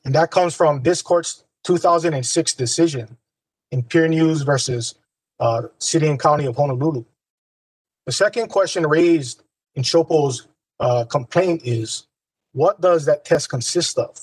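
A man's voice: a little high, unhurried, a little mellow, husky, no room sound, low-quality recording. A man making a formal oral legal argument as an attorney.

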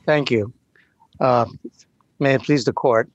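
A man speaking as an attorney in formal legal argument, with halting, choppy phrasing. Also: mid-range voice, no room sound, highs cut off. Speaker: defense attorney arguing an appeal.

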